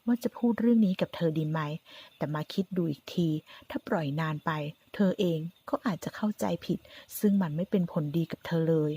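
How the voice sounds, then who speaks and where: A woman voicing a smug, scheming rival, hushed and husky. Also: on the low side, brisk. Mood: cool, scheming.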